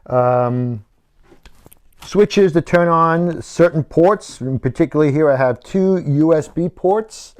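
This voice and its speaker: Speaking slowly in a slightly high voice, a middle-aged radio hobbyist presents a DIY build in an informal technical walkthrough, explaining things and frequently correcting himself along the way.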